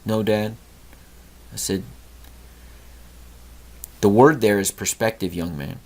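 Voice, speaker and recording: A man's voice: sits low, slow pace, darkish tone. A middle-aged man hosting a podcast, telling an earnest story about a talk with his son and lecturing on gratitude. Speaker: podcast host. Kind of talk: storytelling monologue.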